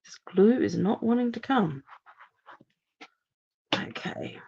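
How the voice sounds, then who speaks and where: Still a bit hoarse after laryngitis, this Australian woman walks viewers through making a card live at her craft table, chatting as she goes. She sounds a little high and speaks slowly, and the recording is muffled.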